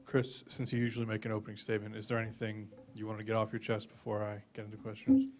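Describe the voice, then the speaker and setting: A man's voice: lowish voice, monotone, fast, a little mellow, a little hiss or hum. A man asking a coach questions at a press conference. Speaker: reporter.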